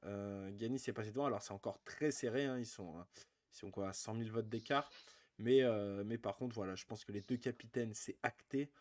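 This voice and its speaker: A man co-hosting a live basketball chat show, relaxed and full of fillers as he runs through rankings. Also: on the low side, brisk. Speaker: podcast co-host.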